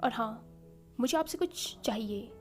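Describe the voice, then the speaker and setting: A cheeky, spoiled young sister from a read-aloud story, voiced by a woman. She sounds playful and pouty in a fairly high voice, over faint background music. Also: animated, a little slow.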